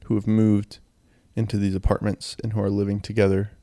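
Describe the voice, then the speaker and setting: A young man hosts a casual solo podcast while sick with a cold. His low voice is phlegmy and gravelly, and he rambles along in a low-key way. The handheld mic is close and the sound is very dry. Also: monotone, a little fast, warm tone, dry recording. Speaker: podcast host. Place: in bed, indoors. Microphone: handheld mic and audio recorder, close.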